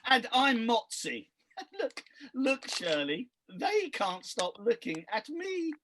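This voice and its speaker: A woman playing a vain, bossy, sneering pantomime stepsister, with a haughty, theatrical, raspy delivery. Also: on the high side, huge pitch swings, takes it slowly, a bit bright, slight background noise, full character voice. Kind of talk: broad pantomime acting.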